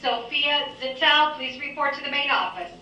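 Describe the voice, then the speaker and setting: High, bright woman's voice over a school intercom. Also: expressive, normal speed, far from the mic, muffled recording. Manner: calls a student to the office, repeating the call. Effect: over the school intercom loudspeaker. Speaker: school office announcer. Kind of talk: public address announcement. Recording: echoey intercom heard from afar.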